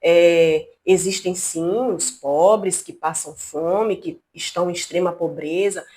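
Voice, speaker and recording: A woman from Brazil hosting a casual commentary vlog from her home, talking in an indignant, animated, chatty way. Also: on the low side, takes it slowly. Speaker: channel host. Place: at home, not a studio.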